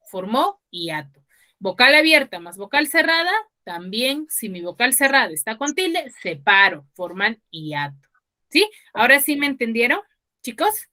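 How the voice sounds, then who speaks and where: Bright, higher-voiced woman teacher, patient step-by-step explainer, video-call lesson. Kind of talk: online class lecture.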